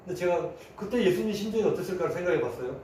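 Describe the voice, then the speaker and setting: A man's voice: high voice, expressive, rapid-fire, darkish tone, distant mic, slight background noise. A man preaching a sermon as a pastor, talking conversationally and acting out the voices he quotes. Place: church sanctuary. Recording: echoey room, voice from afar.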